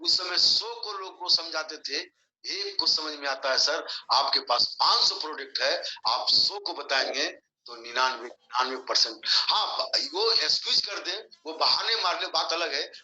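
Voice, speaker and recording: A man's voice: on the high side, lively intonation, normal speed, sharp tone. A man giving a motivational stage talk, telling stories and acting out the dialogue while calling out to the audience. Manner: storytelling, acts out dialogue, calls "hello" to the audience. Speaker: network marketing leader giving a motivational talk. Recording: roomy, muffled hall recording.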